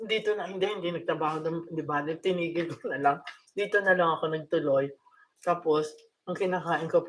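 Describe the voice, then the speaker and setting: A woman's voice: low voice, slight background noise. An older woman with a Filipino accent, chatting casually to her viewers at home, laughing often and mixing in English. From Philippines. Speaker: vlogger.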